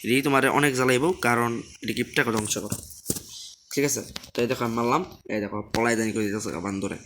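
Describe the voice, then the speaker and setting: A man rattles through casual gameplay commentary at a quick clip. He keeps his voice deliberately soft and circles back again and again to asking viewers to subscribe. A faint hiss of noise sits under the recording. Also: medium pitch. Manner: talks softly on purpose. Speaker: gaming channel host.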